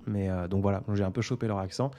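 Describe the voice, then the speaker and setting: Brief: male streamer-poet, low warm tone, musing and hesitant, faint music underneath. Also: fairly even intonation. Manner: reflective, unhurried, with frequent hesitations. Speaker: poet and author on a live stream. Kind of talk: casual live-stream chat. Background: faint background music.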